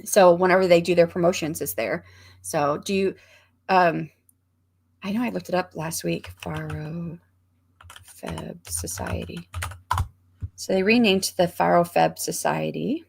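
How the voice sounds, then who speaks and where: A woman chats her way through a livestream, greeting viewers and reading their comments aloud. She rambles, restarts sentences and fills pauses with ums. Her voice has a gravelly fry to it. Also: lowish voice. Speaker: livestream host reading chat. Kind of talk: casual chat.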